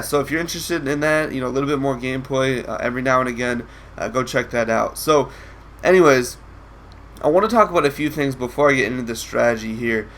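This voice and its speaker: Commenting loosely on a video game match, this young man sounds nasal and stuffed up from being ill, filling his talk with ums and false starts. He has a medium, slightly bright voice, with slight background noise in the clip.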